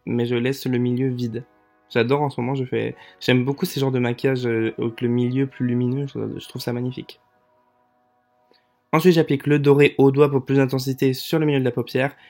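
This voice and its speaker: A man's voice: mid-range voice, little pitch movement, a little fast, creaky, darkish tone. Guy doing a chill makeup tutorial voiceover, kinda tired, trips on his words, faint music in the back. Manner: chatty, stumbles and corrects his words. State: tired late at night. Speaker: makeup vlogger. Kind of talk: casual makeup tutorial voice-over.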